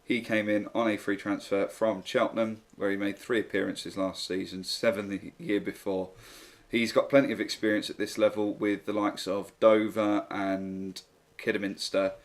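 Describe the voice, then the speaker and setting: A man with a low, fairly flat voice commentates over a football management game. He works through the player signings one by one in an even, unhurried, matter-of-fact manner, recorded as a desk-mic voice-over. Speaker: gaming YouTuber.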